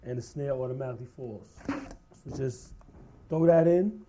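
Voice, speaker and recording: A man with a warm, medium-pitched voice talks at normal speed through a step-by-step beat-juggling tutorial, keeping it casual as he handles the decks. Scratching and music fill the background, and the rough recording carries a little hiss or hum.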